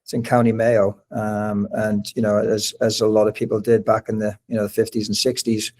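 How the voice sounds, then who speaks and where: A man's voice: fairly low pitch, flat delivery, a little fast, darkish tone. A middle-aged man with a mild northeast English accent, a college soccer coach chatting as a podcast guest, rambling with many restarts. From northeast England. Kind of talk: casual interview conversation.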